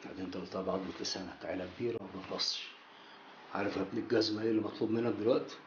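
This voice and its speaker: An actor playing a harsh, abusive police officer who threatens people, with an Egyptian accent. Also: male voice, fairly low pitch, level tone, racing, slight background noise, natural voice. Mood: threatening. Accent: Egyptian Arabic. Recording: dull echoey film audio.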